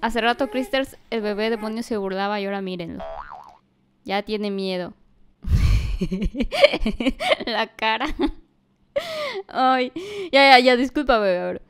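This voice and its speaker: A woman giving animated let's-play commentary, talking to a baby character and often yelling and laughing. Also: on the high side, takes it slowly, pauses often. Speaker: gaming youtuber.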